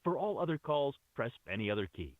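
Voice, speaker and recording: A man's voice: mid-range voice, very animated, fairly quick. A man's voice on a recorded phone message, reading scripted promotional prompts in an upbeat, sing-song way. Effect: recorded phone message, robocall. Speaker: automated sales call voice. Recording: tinny phone line with faint hiss.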